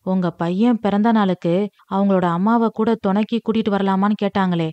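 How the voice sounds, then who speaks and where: A woman's voice: mid-range voice, fairly even intonation, a little fast, no room sound, muffled recording, natural voice. A woman reading a storybook, voicing a clever, observant young woman who explains things eagerly.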